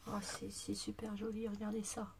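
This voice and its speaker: A woman's voice: mid-range voice, completely flat delivery, moderate pace, creaky, background noise. A woman showing off gifts she received in a casual vlog, gushing and exclaiming, sometimes dropping to a whisper, with a voice that is giving out. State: losing her voice. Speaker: craft vlogger. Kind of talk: casual unboxing chat to camera.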